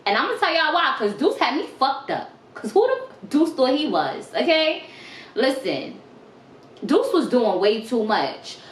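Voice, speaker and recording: A young woman telling a storytime vlog, animated, emphatic and full of profanity. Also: sits high, unhurried. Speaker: vlogger. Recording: roomy with faint noise.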